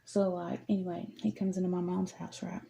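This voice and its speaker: A woman's voice: fairly low pitch, flat delivery, a little fast, vocal fry, warm tone, a little hiss or hum. A young woman telling a storytime tale in a blunt, sassy, casual way. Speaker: storytime vlogger.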